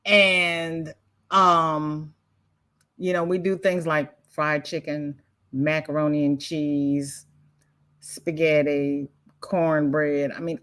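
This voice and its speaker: Her voice is low and a bit bright as she hosts a crochet livestream with a Southern American accent. She chats loosely, wanders off topic, and reads out what viewers comment, sounding congested. She often interrupts herself with repeated starts.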